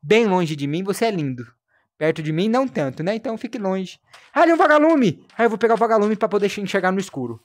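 A man's voice: sits high, lively intonation, fast talker. A man streaming live gameplay, chatting playfully, scolding the creatures in the game and whining in mock sadness. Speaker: gaming livestreamer.

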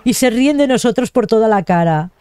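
A woman's voice: a little high, expressive, a little fast, a little mellow, clear, resonant tone, no room sound, soft background music, voice pushed up, natural voice. A woman reading aloud the lines of a shy young male villager who loves trees, in a bashful, rambling way. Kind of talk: reading game dialogue aloud.

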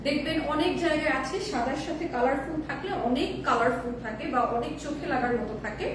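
A hoarse woman hosting a live selling stream, chatting casually and mixing in English phrases, heard in an echoey room with the mic at a distance. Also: high-pitched, fast talker, noisy background. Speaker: live-sale host.

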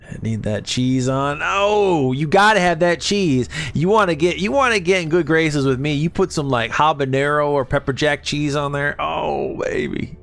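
This man, a Twitch streamer in his thirties from Arkansas with a light Southern accent, has a medium-pitched, fairly bright voice with vocal fry. He's streaming a game from his home gaming room, swearing often as he trades loose, laid-back banter with his chat.

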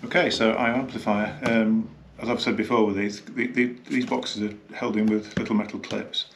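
Male dealer, low-pitched, easygoing unboxing chat; noisy room with clicks. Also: little pitch movement, normal speed, vocal fry, echoey room. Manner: chatty, thinking aloud while handling the product. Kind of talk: casual unboxing talk.

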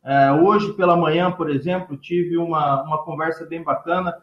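A man, a teacher of entrepreneurship, answering interview questions in relaxed talk with many fillers and trailing phrase ends. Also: on the high side, normal speed, reverberant, muffled recording. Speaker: entrepreneurship teacher and speaker, guest.

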